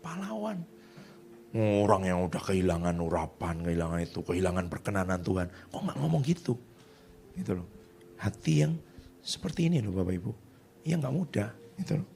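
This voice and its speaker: A middle-aged male pastor preaching a sermon in a lively, conversational way, acting out the voices of people he quotes. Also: low-pitched, a little fast, gravelly, long pauses, slight background noise.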